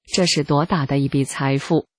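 Calm steady narrator reading a testimony. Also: mid-range voice, normal speed, slightly rough, no echo.

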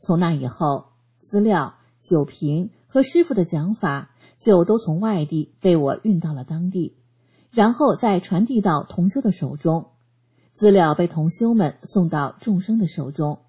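A woman giving a scripted narration of a first-person testimony, reading in an earnest, steady way. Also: on the low side, a little slow, slightly rough.

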